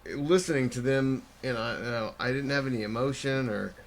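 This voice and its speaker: A man hosting a podcast, telling wild stories in an animated, profane way. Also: mid-range voice, fairly quick, creaky, slight background noise. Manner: animated, swearing storyteller. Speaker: podcast host. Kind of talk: casual chat.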